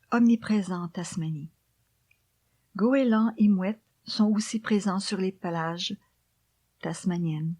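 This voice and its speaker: Femme qui chuchote lentement, façon bibliothèque. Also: female voice, mid-range voice, husky, dry recording. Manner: hushed library whisper; slow, measured, deliberate phrasing. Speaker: author reading her own book. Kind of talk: soft whispered reading of memoir and poems.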